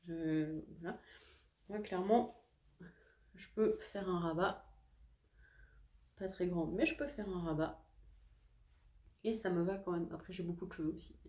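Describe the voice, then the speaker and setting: A woman's voice: mid-range voice, warm tone. Chatty woman in an echoey room. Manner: chatty, hesitant, self-deprecating. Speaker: knitting podcaster. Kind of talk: casual chat to camera.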